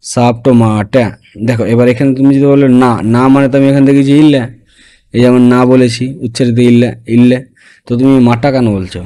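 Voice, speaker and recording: A man's voice: mid-range voice, little pitch movement, fast, mellow, clean tone, dry recording. A man teaching a spoken language lesson, explaining phrase by phrase and often checking in with his listeners.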